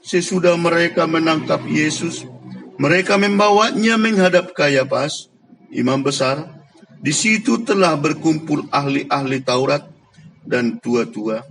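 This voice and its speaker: A man leading a worship service and reading a scripture passage in a slow, deliberate, reverent way. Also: a little high, gravelly, fairly bright tone.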